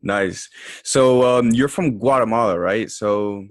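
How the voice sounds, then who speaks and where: A man's voice: fairly low pitch, slow pace, no room sound. A man hosts a casual podcast, asking easy questions and giving short replies. His voice sounds dry and close, with no room around it. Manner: brief, encouraging interjections. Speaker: podcast host. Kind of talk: casual interview chat.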